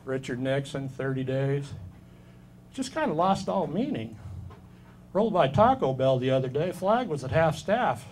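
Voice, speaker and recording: A man's voice: fairly high pitch, sing-song, normal speed, a little mellow, slight background noise. Fifties man doing dry stand-up one-liners. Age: 50s. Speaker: stand-up comedian. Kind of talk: stand-up set.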